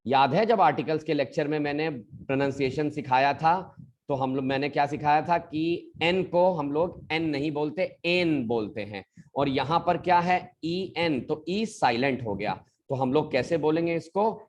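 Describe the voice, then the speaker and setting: A male English teacher giving a pronunciation lesson, patiently addressing his students as children and repeating each word slowly to model it. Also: a little high.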